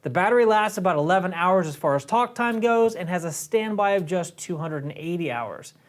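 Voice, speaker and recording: In an indoor video studio, an American man in his thirties gives a casual, explanatory product overview to camera for a motorcycle gear shop, where he works as reviewer and presenter. His voice is high, animated and brisk.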